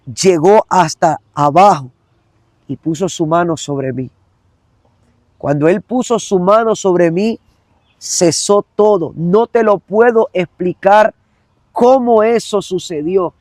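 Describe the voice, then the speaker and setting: A man's voice: sits high, darkish tone, no echo. Earnest man giving a testimony. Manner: earnest, repetitive, addresses the listener directly. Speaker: evangelist guest. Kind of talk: emotional personal testimony.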